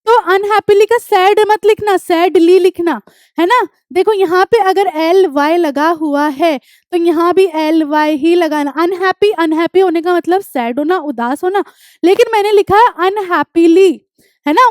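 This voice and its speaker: A young woman gives a classroom lesson in a very high, light voice. She switches between quick explanations and slow, deliberate reading of sentences, stopping often to ask if everyone follows. The sound is close and completely dry. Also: darkish tone, no room sound. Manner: explains in Hindi, reads English lines slowly and deliberately; frequent check-ins with students. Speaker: English teacher. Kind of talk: classroom lecture.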